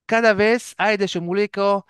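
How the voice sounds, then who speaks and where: Guy telling stories, keeps searching for words, smooth clear voice. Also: sits high, fairly even intonation, a bit bright, no echo, studio quality. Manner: halting, searches for words, restarts often. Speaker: guest. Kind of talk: casual storytelling.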